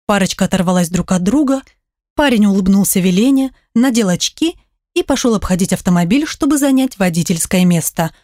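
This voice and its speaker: A woman narrating an audiobook in an even storytelling voice. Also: medium pitch, a little fast, no echo, studio quality. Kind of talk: scripted narration.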